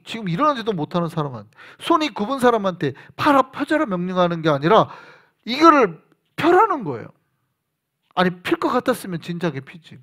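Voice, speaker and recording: Male pastor, middle-aged, lively high-pitched sermon delivery that acts out quoted voices. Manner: animated, acts out quoted voices and drill sergeants.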